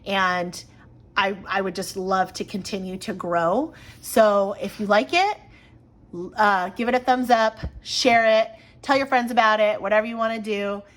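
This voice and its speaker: Speaking at a measured pace, a thirty-something woman vlogs from home about her planning in a rambling, filler-heavy way. Her medium-pitched voice sounds a bit bright, though a slight frog sits in her throat.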